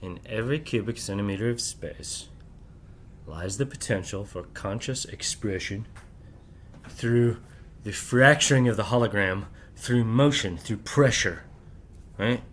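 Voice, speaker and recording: Keeping his voice down while the family sleeps, a middle-aged man rambles through a late-night monologue for his channel, adding "right?" to almost every point. He sounds low-pitched yet a bit bright, and unhurried, over slight background noise.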